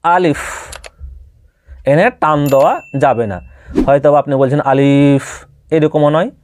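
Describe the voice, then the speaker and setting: With a Bengali accent, a man teaching Quran reading walks through how to pronounce Arabic letters, repeating each patiently and asking the listener questions. He speaks briskly in a high-ish, darkish voice over slight background noise.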